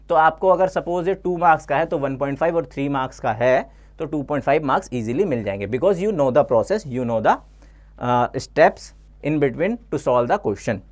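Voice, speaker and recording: A man teaching a physics exam-prep lesson step by step, mixing Hindi and English and calling his students "bachcha log". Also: fairly high pitch. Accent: Indian English.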